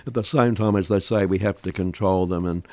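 An older man giving conversational news commentary as a host, halting often and using wry understatement. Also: low voice, warm tone, dry recording. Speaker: talk show host.

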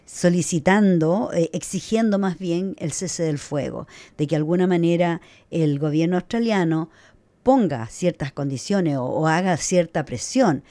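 A woman hosts a radio talk show with a somewhat low voice. She listens closely, agrees often and asks thoughtful questions. The recording is close and dry. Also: unhurried, mellow, no room sound. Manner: attentive interviewer, agreeing often. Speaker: radio host. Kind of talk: radio conversation.

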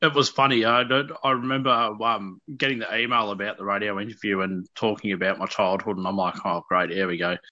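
A man's voice: fairly low pitch, fairly even intonation, brisk, hardly any pauses, sharp tone, no echo. An Australian man in his early thirties speaking candidly as an interview guest, in an informal, hesitant and self-deprecating way. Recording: dull, lo-fi radio audio.

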